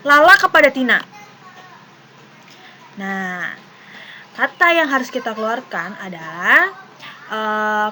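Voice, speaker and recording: A woman's voice: high voice, sharp tone, a little hiss or hum. A young woman teacher with an Indonesian accent, patiently explaining a lesson to young children and acting out short example dialogues.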